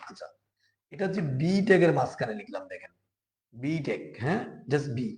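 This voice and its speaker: A man from Bangladesh teaching a beginner web design class, explaining slowly and patiently step by step. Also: medium pitch, sing-song, a little mellow, reverberant. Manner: slow, patient, step-by-step, often asks "ঠিক আছে?". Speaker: programming teacher. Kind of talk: live screen-share coding class.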